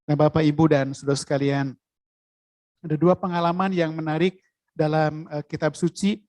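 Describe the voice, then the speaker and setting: A preacher giving a sermon, in a lively way, asking the listeners questions. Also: medium pitch, moderate pace, no echo.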